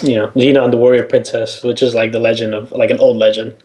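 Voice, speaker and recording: A man's voice: mid-range voice, level tone, fast talker, noisy background. A man narrating as game master in a casual, loose way full of fillers.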